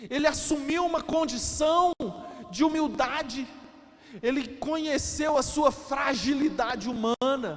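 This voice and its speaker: A Brazilian man preaching a sermon as pastor. He explains with emphasis and acts out the quotes he reads. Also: very high-pitched. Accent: Brazilian Portuguese. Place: church hall. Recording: reverberant church hall.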